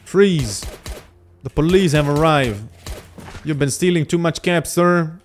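A man's voice: a little high, slow pace, slight background noise, voice pushed up. A man voicing a stern male police officer making an arrest, in a barking, mock-official way.

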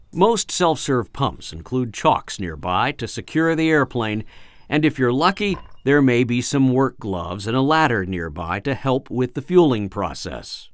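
A man reading a scripted flight-training voice-over in a clear, instructive, measured way. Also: mid-range voice, no echo.

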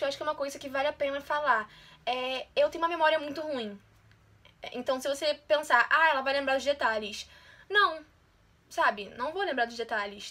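Taking a quiz on her channel, a woman whose voice sits high with a sharp tone chats casually and pokes fun at herself. The YouTuber is talkative and self-deprecating, with a competitive streak.

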